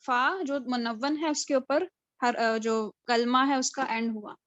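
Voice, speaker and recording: Woman, recitation teacher, bright clear tone, slow syllable drills, dry lo-fi call audio. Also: a little high, no room sound. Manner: patient letter-by-letter drilling, slow spelled-out syllables. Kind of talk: live online tajweed lesson. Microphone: video call. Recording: dull lo-fi video call audio.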